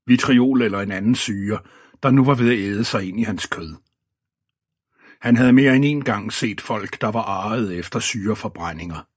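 A man with a husky voice reading an audiobook in measured, scripted narration. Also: fairly low pitch, no echo, clean studio sound. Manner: measured storytelling.

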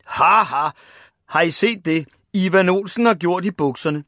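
A man's voice: high-pitched, bright, forceful tone, no room sound. Mean teasing big boys, a guy voicing them, jeering, dry close sound. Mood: mocking. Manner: jeering, mocking. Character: teasing big schoolboys, rough and mocking.

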